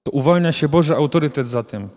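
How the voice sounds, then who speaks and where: A man preaching a sermon in short, earnest phrases, pausing for an interpreter. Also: a little high, a little mellow. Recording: long reverb of a hall.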